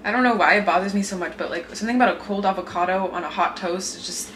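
A woman's voice: mid-range voice, fast, fairly bright tone. Chatty young woman vlogging in an echoey kitchen. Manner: chatty, lots of "like" fillers. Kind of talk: casual vlog chat. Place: home kitchen. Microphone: handheld camera mic. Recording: echoey room with faint noise.

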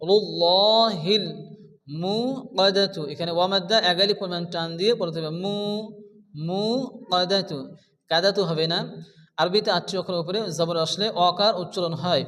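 Male recitation teacher, high and bright, explains each rule and then chants slowly, with a reverberant sound. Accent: Bangladeshi Bengali. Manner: asks questions and answers them himself, slowly chants each word. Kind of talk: step-by-step recitation lesson.

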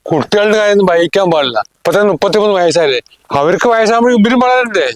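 A man's voice: high voice, lively intonation, very fast. A man playing a nosy, gossiping neighbor in a short film drama.

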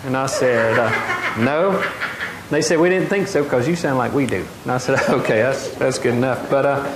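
A middle-aged pastor delivers a sermon in a large wooden open-air church hall, his mid-range male voice moving at a moderate pace. He's animated, gesturing widely and asking the congregation questions, and the recording is echoey with faint noise.

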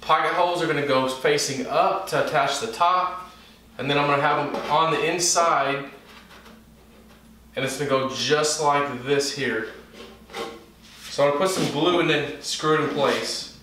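A man's voice: a little high, moderate pace, long pauses, recorded from a distance. Thirties man, easygoing workshop host, recorded from across a very echoey garage with faint hiss. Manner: relaxed, plain-spoken, with self-corrections. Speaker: woodworking channel host. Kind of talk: casual how-to narration. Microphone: camera mic from across the room.

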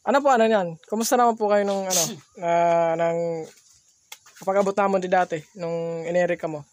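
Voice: medium pitch, fairly even intonation, moderate pace, a little mellow, a little hiss or hum. A Filipino vlogger with slightly slurred speech from missing front teeth, talking casually to viewers and interviewing people on camera. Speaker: vlogger interviewing a family and host. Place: open rural shelter.

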